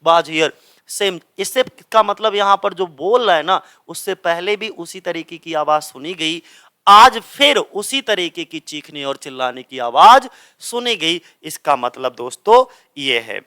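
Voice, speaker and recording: A man's voice: a little high, animated, measured pace, pushed and bright, clean tone. A young adult man teaching English literature, explaining step by step and asking and answering his own questions. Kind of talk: classroom explanation of grammar.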